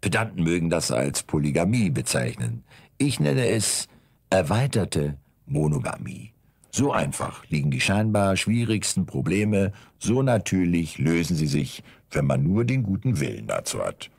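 A deep-voiced man reads a humorous audiobook with dry, ironic timing. His voice is gravelly and husky, and it swings widely in pitch as he tells the story. The recording is close and dry. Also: sing-song, a little slow, darkish tone, no room sound. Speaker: audiobook narrator.

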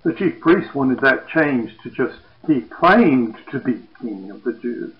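A man preaching, retelling a scripture story slowly and dramatically. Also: mid-range voice. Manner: slow, dramatic retelling, lively quoted voices. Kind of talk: sermon narration of scripture. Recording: echoey, dull sound.

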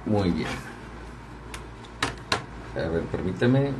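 A man's voice: sits low, expressive, drawn-out words, recorded from a distance, background noise. A man hosting a live stream, chatting casually with viewers while he runs the music. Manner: chatty, talks to viewers while working the controls. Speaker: radio and livestream host.

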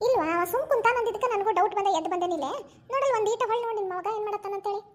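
A fussy cartoon grandmother, voiced by a woman, with a North Karnataka Kannada accent. She talks very high and at a racing clip, scolding and coaxing in turn. Her patter stays busy and quick. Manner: chiding yet coaxing, fast. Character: fussy doting grandmother, mother-in-law. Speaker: cartoon voice actor. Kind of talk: cartoon voice acting.

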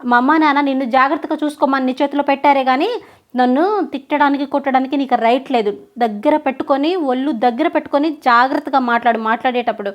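A woman's voice: high-pitched, expressive, a little fast, muffled recording. A woman voicing a proud young wife who answers back firmly in a told story. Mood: indignant. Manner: indignant, firm and reproachful. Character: hurt, proud young wife standing her ground. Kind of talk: storytelling with acted dialogue.

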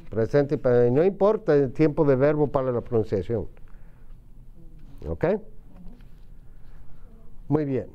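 A man teaching English to a class, patiently repeating words slowly for his students. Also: medium pitch, expressive, clear, resonant tone, highs cut off. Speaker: ESL teacher. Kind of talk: classroom lesson.

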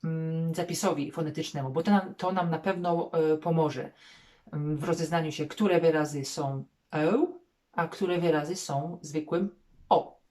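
A middle-aged woman teaching English pronunciation, patiently modelling words slowly and repeating them. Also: low voice, steady tone, dark tone. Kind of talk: online pronunciation lesson.

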